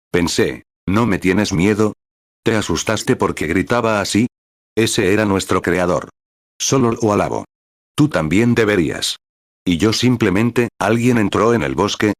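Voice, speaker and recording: A man reading a sermon aloud in a steady voice, announcing scripture references and paragraph numbers as he goes. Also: low-pitched, no echo, studio quality. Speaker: sermon reader.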